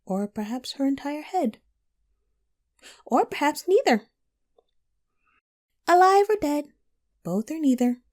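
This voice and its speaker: A woman voicing a teasing, riddling female cat from Wonderland in an audio roleplay, coy and playful with drawn-out, whimsical phrasing. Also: sits high, sing-song, darkish tone, heavily acted. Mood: playfully cryptic. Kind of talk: scripted audio roleplay addressed to the listener.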